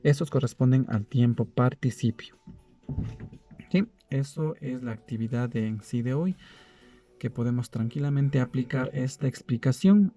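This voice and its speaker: Dark-voiced man teaching grammar. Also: mid-range voice, moderate pace, soft background music. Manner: switches between Spanish and English, checks in with frequent "¿sí?". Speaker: English teacher. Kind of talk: explaining grammar rules in a recorded lesson.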